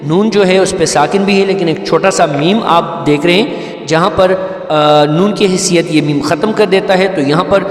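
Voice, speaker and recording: High-voiced man teaching recitation, echoey hall. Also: faint music behind. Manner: patient step-by-step explanation, breaking into slow melodic chanting. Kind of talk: tajweed lesson with chanted recitation.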